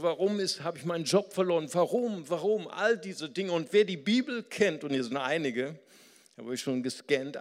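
An older man from the Rhineland with a Rhineland German accent, preaching a sermon and swinging between hushed and loud emphatic passages. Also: a little high. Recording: long hall reverb.

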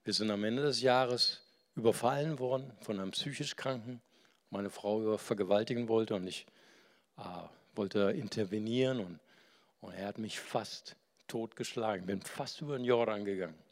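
A male preacher giving a conversational sermon, moving from soft near-whispers to loud, animated storytelling and asking the listeners questions. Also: fairly low pitch, normal speed.

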